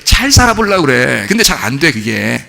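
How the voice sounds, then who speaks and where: A man's voice: mid-range voice, big pitch swings, a little fast, creaky, bright, forceful tone. A middle-aged man preaching a sermon as pastor, talking conversationally with many rhetorical questions. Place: church sanctuary. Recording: long hall reverb.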